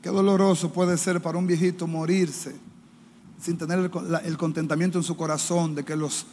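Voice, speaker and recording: A man with a Dominican Spanish accent preaching a sermon as pastor, impassioned, mimicking the people he quotes in higher, louder voices. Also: level tone, normal speed, a little hiss or hum. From Dominican Republic. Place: church. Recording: reverberant church hall, faint ambience.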